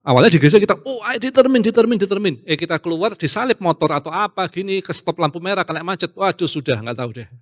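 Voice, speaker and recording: A man preaching a casual youth sermon, animated, acting out quoted voices and slipping in English phrases. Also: fairly high pitch, quick pace.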